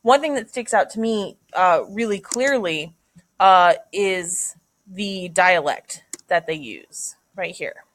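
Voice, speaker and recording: A woman's voice: lowish voice, takes it slowly, a bit bright. A woman teacher thinking aloud through a literary analysis lesson, casual, with many fillers and "right?" checks.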